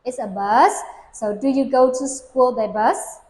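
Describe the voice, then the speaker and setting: A woman with a voice that sits high, slightly slow and slightly mellow, conducts an English speaking test with a young learner. She patiently asks simple questions and models full sentences for the child to repeat, in a room with noticeable echo.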